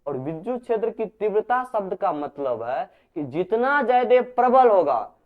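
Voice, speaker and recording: A man's voice: sits high, very animated, moderate pace. A male physics teacher, giving a classroom lecture, repeating key terms as questions to his students. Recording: dull lo-fi recording.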